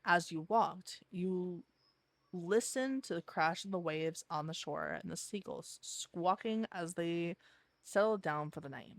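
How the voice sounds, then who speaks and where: A woman streamer reading a visual novel aloud and thinking out loud between lines in a chatty way. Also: fairly low pitch, a little slow, no echo.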